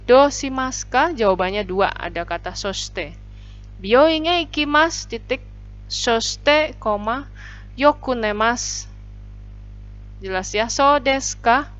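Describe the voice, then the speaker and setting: A woman teaching a language class, patiently explaining vocabulary and repeating phrases slowly for students. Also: mid-range voice, fairly bright tone. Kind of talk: online classroom lesson. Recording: dull lo-fi recording.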